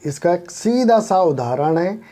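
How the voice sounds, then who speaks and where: A man gives a relaxed English lesson, spelling each example out one letter at a time. His voice is dark and mellow, and he speaks slowly and deliberately. He keeps addressing his listeners as friends. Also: sits high. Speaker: English teacher. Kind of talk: spoken language lesson.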